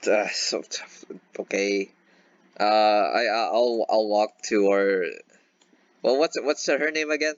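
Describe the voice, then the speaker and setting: A man with a lowish voice chats casually as a player in a tabletop role-playing game, speaking slowly and hesitantly with plenty of fillers and restarts. The audio is lo-fi with no echo.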